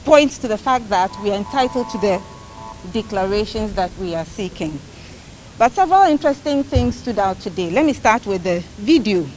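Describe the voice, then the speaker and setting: A woman with a Ghanaian accent giving a press briefing as a party spokesperson, speaking emphatically and deliberately, point by point. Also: fairly high pitch, a little hiss or hum, rough recording. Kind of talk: press briefing on a court case.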